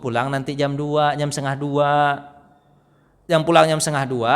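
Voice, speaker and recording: Talkative preacher in a reverberant mosque. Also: male voice, fairly bright tone. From West Sumatra. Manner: conversational, keeps asking the audience questions; acts out quoted people in lowered voices. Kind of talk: mosque study sermon. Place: mosque hall. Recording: long reverb in a mosque hall.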